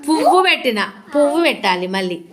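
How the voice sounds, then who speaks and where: A woman preschool teacher leading a simple lesson, speaking slowly and repeating questions to prompt the children. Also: sits high, big pitch swings. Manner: slow and repetitive, prompting the class with questions. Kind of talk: classroom lesson for small children. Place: preschool classroom full of children. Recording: noisy classroom with children.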